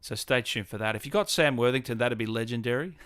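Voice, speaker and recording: Talking fairly quickly in a medium-pitched, slightly bright voice, an Australian gaming streamer hosts a casual livestream. He responds to viewers' comments informally, treating them like mates. The sound is dry and clean, studio-like.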